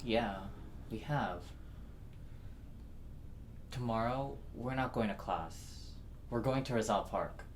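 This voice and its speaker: A young woman acts as a determined, idealistic student in a stage drama. The voice is very deep for a woman, with faint noise behind it. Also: slow pace, long pauses. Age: young adult. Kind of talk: scripted stage drama dialogue.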